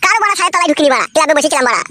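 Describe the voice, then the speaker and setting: Jhuma, a shrill foul-mouthed village wife, as a woman puts her on. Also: expressive, rapid-fire, heavy background noise. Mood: furious. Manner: shrill, screaming insults. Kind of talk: cartoon comedy dub.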